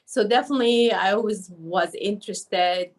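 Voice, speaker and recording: A woman's voice: medium pitch, normal speed. An older woman from Egypt, talking as a guest on an interview podcast in a chatty way, full of fillers and restarts. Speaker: guest, nurse and wellness coach. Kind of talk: casual interview talk.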